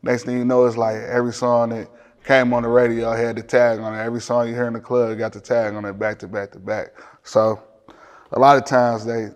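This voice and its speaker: Male, Detroit accent, mid-range pitch, loose profane street slang, casual interview chat in a reverberant space. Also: little pitch movement, fairly quick. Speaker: music producer, interview guest.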